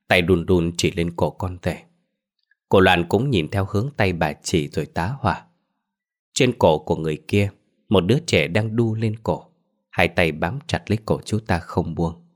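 A man narrating a horror tale in a low, deep voice. He reads at an unhurried pace with an ominous, brooding storytelling manner.

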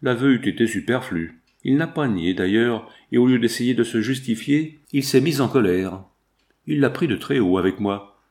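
A man reading as a stern noble father, firm and indignant, in a storybook. the voice sits at an ordinary middle pitch and lectures in long, measured sentences. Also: animated, a little mellow, close to an everyday voice. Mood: lecturing. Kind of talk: audiobook character voice.

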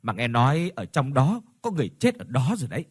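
A teasing old innkeeper who half jokes and half warns, his husky voice rising and falling with lively swings, as a male storyteller puts him on. He sounds dry and close, with no room around him. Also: medium pitch, fast talker, dry recording. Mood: warning. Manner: teasing yet cautioning. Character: elderly male inn owner, half-joking, warning.

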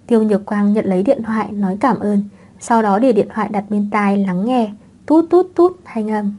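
A woman reads a web novel aloud in a calm, steady storytelling manner. Her voice is mellow and dark, with a scripted audiobook delivery. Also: mid-range voice, moderate pace. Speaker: audiobook narrator.

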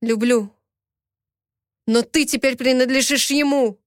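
A woman's voice: high-pitched, fairly even intonation, a little slow, no room sound, studio quality. A woman reading a story, playing an angry young man who snaps curt, harsh commands.

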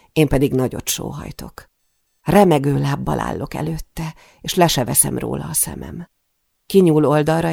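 A woman's voice: low voice, vocal fry, darkish tone, breathy edge, dry recording, studio quality. A woman narrating a first-person novel in a tense, intimate storytelling manner. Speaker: audiobook narrator.

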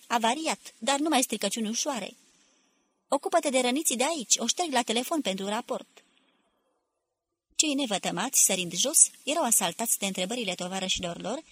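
Bright, husky woman reading a novel. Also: medium pitch. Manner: lively, raising her voice for quoted shouts. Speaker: narrator.

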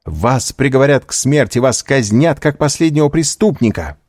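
A proud young woman snaps out scornful, defiant lines, her pitch lifted far above a normal male speaking voice, as a man puts her on. The sound is dry and close. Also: very animated, moderate pace, no echo. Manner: sharp, scornful exclamations.

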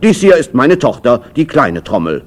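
A man's voice: medium pitch, big pitch swings, normal speed, lightly acted. Guy putting on a pompous big drum dad, showy and boastful, music going behind. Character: big drum, a pompous fatherly percussion leader. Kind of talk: children's storybook reading.

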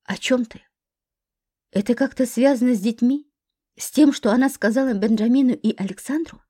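A woman's voice: a little high, normal speed, warm tone, no room sound, studio quality. A woman reading a defiant wounded wife. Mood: bewildered. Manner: hoarse, cold then cutting.

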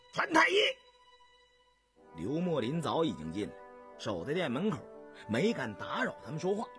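A man narrating a historical novel in a measured, expressive storytelling style. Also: fairly high pitch.

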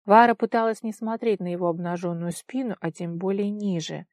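A woman narrating a storybook in an even, steady read. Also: mid-range voice, a little fast, no echo, clean studio sound. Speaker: audiobook narrator. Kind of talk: scripted narration.

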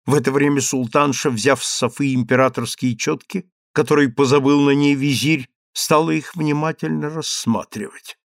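A man narrating an audiobook in a measured, dramatic storytelling manner. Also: medium pitch, steady tone, creaky, no room sound, clean studio sound. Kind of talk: audiobook reading.

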